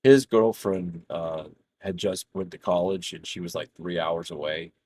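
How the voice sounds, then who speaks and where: Unhurried and low-pitched, with a darkish tone, this streamer casually rambles through a profane story during a game, laughing along at his own tale.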